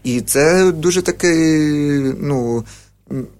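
A man's voice: on the high side, takes it slowly, darkish tone. A man, a folk music researcher, explaining things in a radio interview with many fillers and restarts.

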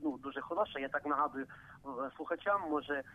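A man's voice: fairly high pitch, fast. A man from Ukraine calling in to a radio show with questions, hesitant and full of restarts. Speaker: caller. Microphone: telephone. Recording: tinny phone line.

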